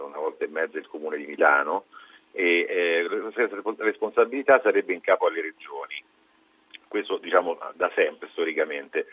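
A man's voice: low-pitched, breathy edge, no echo. A man speaking as a journalist guest in a radio interview, explaining hesitantly and searching for words. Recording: narrow phone-like line, dry.

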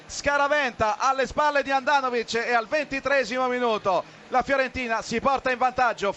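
Very high, bright Italian male football commentator. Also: slight background noise. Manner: excited, urgent, repeats players' names. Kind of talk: live goal commentary.

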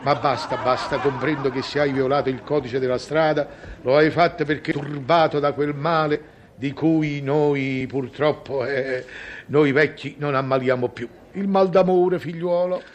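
A man's voice: medium pitch, fairly even intonation, unhurried, muffled recording, lightly acted. Male actor as a fussy middle-aged traffic cop father, comic and chatty, vintage sketch, light noise. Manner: theatrical, chatty, mock-pompous.

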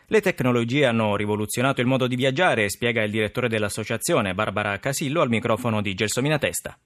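News anchor, man, medium pitch, scripted bulletin read, very dry sound. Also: animated, fast talker, fairly bright tone, dry recording.

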